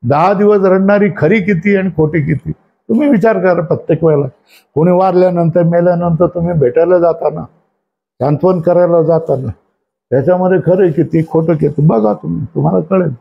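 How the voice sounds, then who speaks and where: Man, spiritual teacher, high-pitched, scripture class, questions the listeners, dictates notes. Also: a little fast, creaky, muffled recording. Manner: asks the class constant questions and checks for agreement; gives dictation to students to number and underline.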